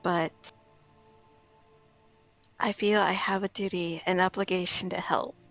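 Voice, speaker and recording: A woman playing a gentle, earnest fae-touched woman in a tabletop game, speaking in measured, philosophical riddles. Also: on the low side, steady tone, lo-fi sound, soft background music. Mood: earnest, reflective.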